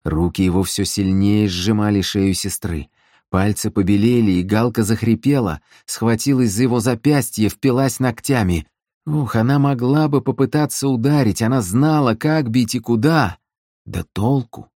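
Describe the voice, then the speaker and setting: A man's voice: on the low side, moderate pace, dark tone, dry recording, clean studio sound. A man narrating an audiobook in an intense, dramatic storytelling manner.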